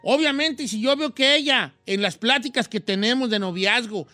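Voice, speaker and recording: A man's voice: very high-pitched, normal speed, bright, forceful tone, no room sound, faint music behind. A man hosting a radio call-in show, joking and telling stories in slang. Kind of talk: casual on-air banter with a caller.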